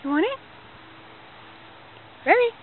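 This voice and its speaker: A high, lively woman's voice swoops up and down as she coaxes and calls her dog in a sing-song way during a game of fetch in the yard. The sound is thin and phone-like, as from a built-in camera mic, with a faint hiss underneath. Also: slow pace. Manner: sing-song coaxing, calling the dog's name. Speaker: dog owner filming her pet. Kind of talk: casual home video talk to a dog. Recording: tinny lo-fi home video sound.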